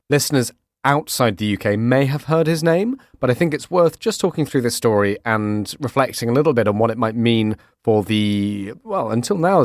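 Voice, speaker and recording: A man's voice: mid-range voice, no room sound, clean studio sound. A man hosting a podcast, politely handing over to his guests. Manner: polite, moderating. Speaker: host.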